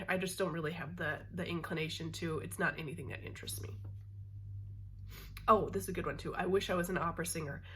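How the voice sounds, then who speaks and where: A middle-aged woman vlogger rambles casually to her viewers on camera, full of fillers and restarts. Her voice is on the low side, a bit bright, with a breathy edge.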